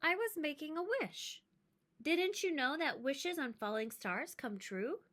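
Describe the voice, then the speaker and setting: A woman voicing a gentle, wise, whimsical old grandmother, speaking tenderly in a storybook read-aloud. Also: sits high, animated, a little slow, voice pushed up. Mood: playful, wistful. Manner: soft-spoken, tender.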